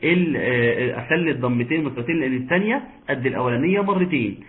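A man with an Egyptian Arabic accent teaching an online Quran recitation lesson, patiently explaining and slowly modeling sounds for his students. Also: medium pitch, animated. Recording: tinny phone-like line.

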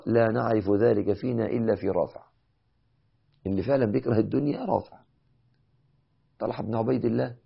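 A man's voice: medium pitch, creaky, husky. A man with an Egyptian Arabic accent preaching an impassioned sermon, building to emphatic peaks. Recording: dull lo-fi recording.

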